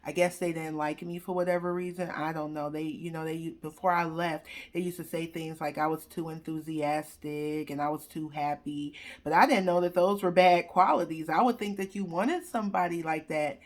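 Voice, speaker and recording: A woman's voice: low voice, steady tone, moderate pace, hardly any pauses. A young adult woman telling a personal story in a candid, emotional, conversational way, talking straight to her viewers.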